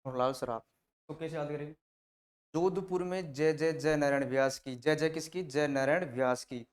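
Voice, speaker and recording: Speaking at normal speed in a slightly high voice, a man leads an exam-prep class. He drills mnemonics by repeating names and asking questions, with answers repeated back and his volume rising and falling.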